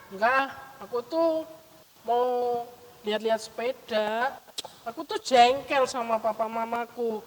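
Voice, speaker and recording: A woman's voice: fairly high pitch, in a large hall, low-quality recording. A woman playing Memo, a grumbling child puppet. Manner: whiny, grumbling kid voice. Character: sulky young child puppet wanting toys. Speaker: puppet character.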